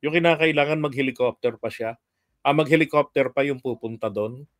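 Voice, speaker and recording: A man's voice: mid-range voice, fairly quick, dry recording, clean studio sound. A man from the Philippines hosting a political commentary livestream, telling stories in a chatty way and laughing often.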